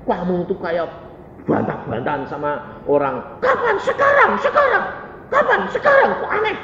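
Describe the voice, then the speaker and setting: A man's voice: high voice, normal speed, pushed and bright, slight background noise, pitched above the performer's own voice. A man preaching plays his puzzled young male roommate, who talks in a mocking, sing-song way. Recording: echoey hall, slightly dull sound.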